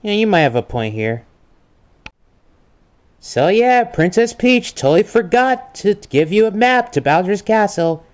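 An actor playing a mischievous young trickster and liar in an amateur comedic role-play, coy and teasing with drawn-out feigned innocence. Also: male voice, high voice, sing-song. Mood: playful.

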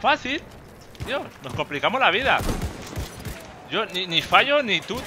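A man with a Spain Spanish accent giving joking, excitable gameplay commentary and swearing often. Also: high voice, measured pace, noisy background. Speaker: gaming YouTuber. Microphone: desk USB microphone. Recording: loud game gunfire behind. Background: gunfire and explosions from the game.

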